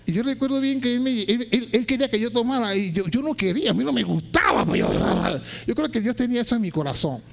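A man preaching a sermon with fervor, often shouting rising questions, then dropping low, with many restarts and repeated words. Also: wildly swooping pitch, fast, vocal fry, few pauses.

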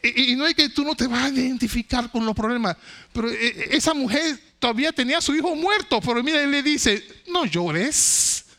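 High, gravelly, bright-voiced man preaching. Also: a little fast. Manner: emphatic, swinging between loud declarations and hushed low phrases; repetitive, stammering restarts. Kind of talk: sermon.

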